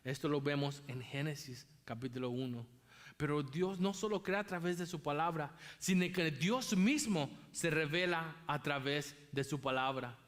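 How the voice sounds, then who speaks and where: A man's voice: on the high side, moderate pace, fairly bright tone. A man preaching a sermon as pastor, emphatic and repeating key phrases for weight.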